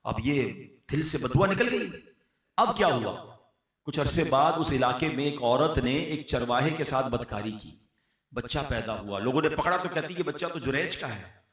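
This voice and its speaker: A man preaching an Islamic sermon, animated and rising to emphatic exhortation. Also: medium pitch, distant mic. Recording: echoey hall, voice from afar.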